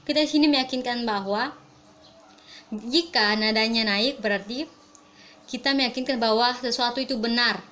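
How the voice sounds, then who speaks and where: A young Indonesian woman giving a class grammar presentation, reading English examples slowly and explaining quickly. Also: a little high, a bit bright, poor audio. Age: young adult. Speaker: student presenter.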